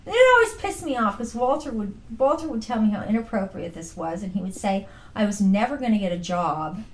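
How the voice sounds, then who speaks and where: Animated, laughing woman in a roomy space. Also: medium pitch, brisk. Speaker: interviewee. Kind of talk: casual family conversation. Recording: roomy recording with faint noise.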